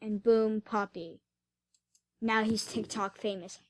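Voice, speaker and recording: A woman's voice: medium pitch, fairly even intonation, slow, dry recording. A woman doing casual reaction commentary, giggling and retelling each clip in a rambling way. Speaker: reaction vlogger.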